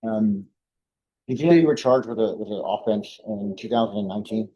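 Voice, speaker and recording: Fast-talking, mellow male defense attorney. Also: fairly low pitch, slightly rough, muffled recording. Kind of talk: courtroom questioning.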